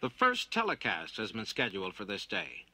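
A man's voice: lowish voice, huge pitch swings, normal speed, bright, forceful tone. A man reading scripted, dramatic documentary narration. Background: music.

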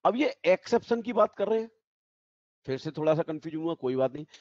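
A man's voice: a little high, animated, a little fast, darkish tone, no echo, lo-fi sound. A male teacher giving an online tax class, explaining step by step and repeating the key points. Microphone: video call.

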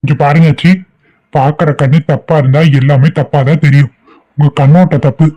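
An indignant young cartoon husband who stands up to his relatives, as a man acts him out. His voice runs a little high and stern. The recording sounds dull and lo-fi. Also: steady tone, normal speed, dark tone, close to an everyday voice. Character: angry young husband and grandson, protective. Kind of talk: cartoon family drama voice acting.

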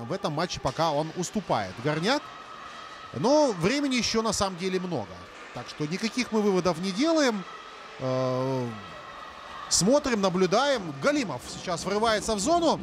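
A man with a rather high voice commentates live on a hockey match. Clear ice-rink noise runs behind his speech. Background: noisy ice rink ambience.

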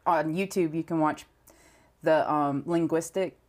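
A woman's voice: low voice, fairly even intonation, measured pace. A woman in her forties with a light North Carolina accent, co-hosting a casual podcast chat and laughing easily as she talks. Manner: laughing, chatty, trails off. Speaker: podcast co-host.

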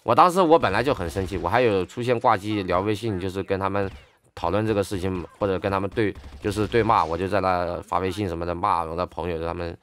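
A game streamer, a man with a somewhat low-pitched voice, tells his story in a heated, indignant rant. He talks casually to his viewers while playing. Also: quick pace, a bit bright, a little hiss or hum. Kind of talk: ranting story over gameplay.

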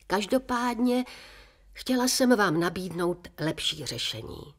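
A woman reading a children's story aloud, voicing a stern, kindly old woman who speaks briskly and firmly. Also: mid-range voice, lively intonation, pitched above the performer's own voice, natural voice. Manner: brisk and firm.

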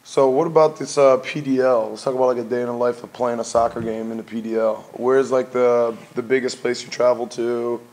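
A man's voice: medium pitch, fairly even intonation, brisk, hardly any pauses, a little mellow, low-quality recording. A man hosting a casual interview in an indoor gym studio, upbeat and full of slang. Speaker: host.

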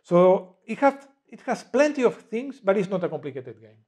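A man's voice: sits high, sing-song, normal speed, a little mellow, husky, highs cut off. A man, a game publisher answering interview questions in a cozy indoor room, talking with many fillers and restarts. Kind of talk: casual interview.

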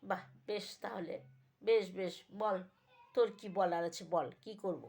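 A woman's voice: medium pitch, measured pace, a little mellow, lightly acted. A woman voicing a widowed father, exclaiming in disbelief at his son's plans. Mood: incredulous. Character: bewildered widowed father, fussing.

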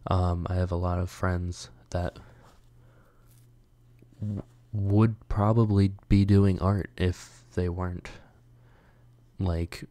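A young man hosting his own channel, talking casually and hesitantly with many pauses and fillers. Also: low-pitched, mellow, no room sound. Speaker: channel host. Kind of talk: casual solo talk.

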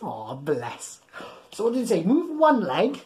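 A darkish-toned, high male voice swings hugely in pitch as this man in his thirties reads bedtime stories to young children. He is playful, exaggerated and encouraging, addressing the kids with questions and pauses, in a small home room full of plush toys.

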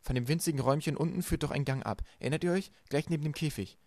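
A man's voice: a little high, racing, a little mellow, dry recording, voice pushed up, natural voice. A man reading an audiobook aloud and voicing a bookish teenage boy, subdued and thoughtful.

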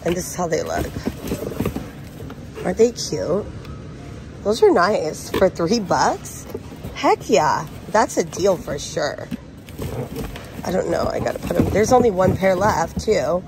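An adult woman with a son walks a discount supermarket aisle, chatting casually to her handheld phone camera and eagerly highlighting bargains. Her voice is on the low side and very animated, yet she takes it slowly with long pauses. Music and store noise sit in the background of the low-quality recording.

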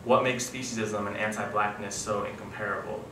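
A man's voice: lowish voice, steady tone, brisk. A young man from New York, short of breath from altitude sickness, presenting an academic paper at a conference. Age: young adult. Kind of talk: reading a prepared academic paper. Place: wood-panelled conference room, indoors. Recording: echoey room, distant mic, background noise.

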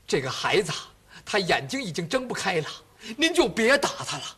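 A devoted old general and father, earnest and imploring, his voice rising high and strained, as a male storyteller plays him. The tone is bright, with a husky rasp. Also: very animated, brisk, heavily acted. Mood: pleading.

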